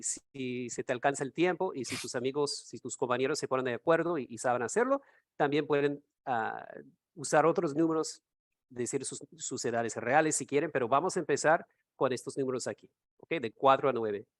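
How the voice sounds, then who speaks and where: A man teaching an English class over a video call, explaining slowly and repeating words for students to echo. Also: medium pitch, studio quality.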